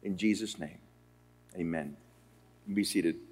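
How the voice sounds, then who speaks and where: A man from Puerto Rico preaching a sermon as pastor. He reads scripture and moves between slow, emphatic phrases and quicker stretches. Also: sits low, darkish tone, slightly rough. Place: seminary chapel. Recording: long hall reverb.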